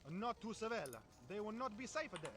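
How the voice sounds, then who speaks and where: Italian-accented art collector in a game, high voice, swooping lively delivery, theatrical, music behind. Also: male voice, a little fast, noisy background. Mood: urgent. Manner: theatrical, urgent pleading.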